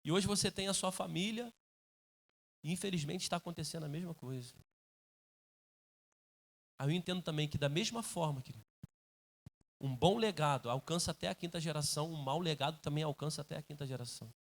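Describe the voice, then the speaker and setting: Middle-aged man, church pastor, high voice, preaching with earnest force. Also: a little fast, creaky, pauses often. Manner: calls listeners "querido". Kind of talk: sermon. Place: church sanctuary.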